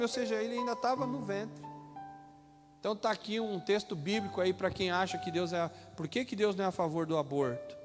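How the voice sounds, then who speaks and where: A high-voiced Brazilian pastor preaching live in a church hall, moving from relaxed, chatty asides to loud shouted readings of scripture. The sound has a long reverb, and music from instruments plays clearly behind him. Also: male voice. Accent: Brazilian Portuguese. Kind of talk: sermon.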